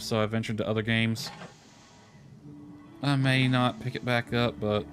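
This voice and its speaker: With a voice on the low side and a fairly bright tone, a man offers rambling, relaxed commentary as he plays a game on a livestream, thinking aloud. Background music plays behind him.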